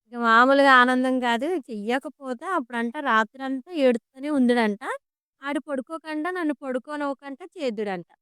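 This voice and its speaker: A woman's voice: high voice, fairly quick, bright, forceful tone, clean tone, no echo. A woman giving a chatty, amused voice-over for her home vlog, recorded close to the mic. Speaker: vlogger.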